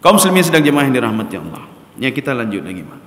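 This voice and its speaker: A man's voice: mid-range voice, rapid-fire, a little hiss or hum. A man preaching a sermon, animatedly addressing the congregation as sir and miss. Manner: addresses the congregation as Pak and Mbak, loud and animated. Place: mosque gathering. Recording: echoey reverberant hall.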